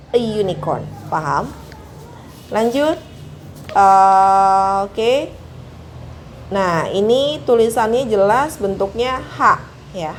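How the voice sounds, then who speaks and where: A woman's voice: medium pitch, slight background noise. A woman teaching an English grammar lesson with an Indonesian accent, explaining step by step, repeating example words and checking that students follow.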